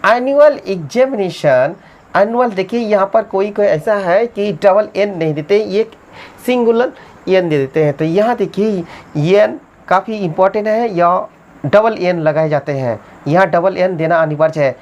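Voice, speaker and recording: A woman teaching a spelling lesson in Hindi, spelling English words slowly letter by letter and urging viewers to subscribe. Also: medium pitch, a little mellow, highs cut off.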